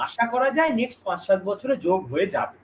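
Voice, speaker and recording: A man runs a live online lesson. He explains in a chatty, lively way and keeps putting questions to his students. The stream sounds dull and lo-fi, with steady noise behind him. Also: sits high, fast talker. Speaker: online exam-prep teacher.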